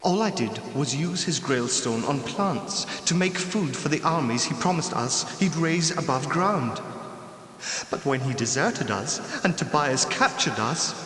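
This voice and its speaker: An actor voicing the ghost of a young murdered knight in a video game, pleading and tormented, with theatrical delivery. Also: male voice, sits high, pushed and bright, full character voice. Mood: bitter, sorrowful. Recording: echoey hall with long reverb.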